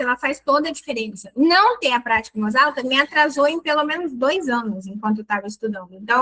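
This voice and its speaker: A woman teaching an online English lesson, explaining grammar in a lively, playful way and exaggerating her intonation on examples. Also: high voice, rough recording. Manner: chatty and playful with students.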